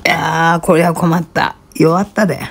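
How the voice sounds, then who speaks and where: A woman's voice: sits low, flat delivery, normal speed. An elderly woman with a rural Kanto dialect, chatting casually on a home livestream, muttering and grumbling in a flustered, plaintive way. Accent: rural Kanto Japanese dialect. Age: elderly, about 80s. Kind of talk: casual livestream chat, muttering and reading out comments. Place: small cluttered home kitchen-dining room, indoors. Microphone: handheld phone close to the face. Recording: faint room noise, handheld phone.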